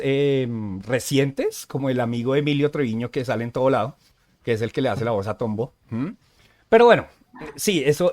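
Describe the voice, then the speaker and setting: A man co-hosting a casual podcast, chatty and easygoing, who often pauses on "eh" and checks in with "¿sí?". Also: medium pitch. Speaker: podcast co-host.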